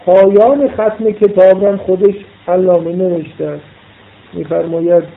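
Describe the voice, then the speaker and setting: Male seminary-style lecturer, high voice, patient letter-by-letter explanations, phone-thin sound. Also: steady tone, gravelly. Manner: explains pronunciation letter by letter, repeating for emphasis. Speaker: religious studies teacher. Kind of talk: lecture reading and explaining a classical Arabic text. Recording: tinny phone-like audio.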